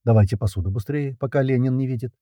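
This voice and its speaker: A man's voice: medium pitch, quick pace, dry recording, lo-fi sound, pitched above the performer's own voice, natural voice. A man voicing a lazy, easygoing male soldier with a sly drawl.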